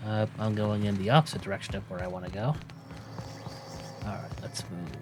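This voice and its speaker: A man's voice: lowish voice, fairly even intonation, fairly quick. A man doing casual let's play commentary, muttering his thoughts aloud as he plays. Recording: game music behind the voice. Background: game music.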